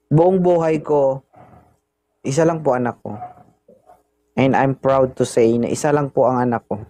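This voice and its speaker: A man's voice: medium pitch, fairly even intonation, a little slow, mellow. A man hosting a casual livestream, teasing his partner and thanking gifters by name. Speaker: livestream host.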